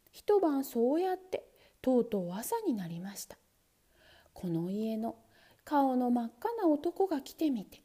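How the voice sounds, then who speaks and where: Animated woman reading a children's story. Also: high voice, breathy edge. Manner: expressive, animated story narration. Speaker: narrator.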